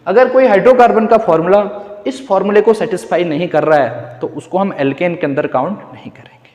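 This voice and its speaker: A man's voice: sits high, a little fast, a little mellow. A man teaching chemistry in a classroom lecture, asking questions and answering them himself, repeating key words and calling his students "beta". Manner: calls students "beta", casual and direct. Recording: echoey roomy classroom.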